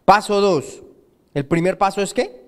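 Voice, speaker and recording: High-voiced pastor quizzing the congregation. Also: male voice, a little slow. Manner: quizzes the congregation with fill-in questions; emphatic, repeats key phrases. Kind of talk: sermon. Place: church sanctuary.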